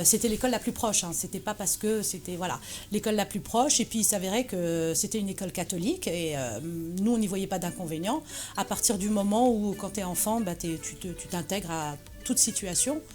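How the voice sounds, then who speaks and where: The guest here is a woman from Morocco, president of an association, with a medium-pitched, darkish voice. She speaks casually in the interview, frequently restarting and filling pauses.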